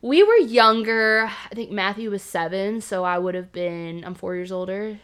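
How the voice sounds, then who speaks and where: A woman's voice: medium pitch, animated, moderate pace, fairly bright tone, clear, resonant tone. A woman co-hosting a casual podcast chat, telling stories with animation and laughing often. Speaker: podcast co-host.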